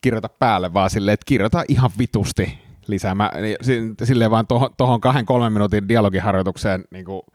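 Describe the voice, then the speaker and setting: A man's voice: fairly low pitch, darkish tone, no echo, studio quality. A man hosting a comedy podcast, chatting loosely and rambling with fillers and swearing. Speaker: podcast host. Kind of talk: casual chat.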